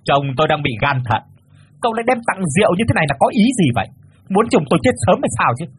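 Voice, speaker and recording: A man voicing a sneering middle-aged mother who nags and mocks her daughter's suitor in a sarcastic, fast rant. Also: fairly high pitch, big pitch swings, a bit bright, slight background noise, pitched above the performer's own voice. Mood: scornful.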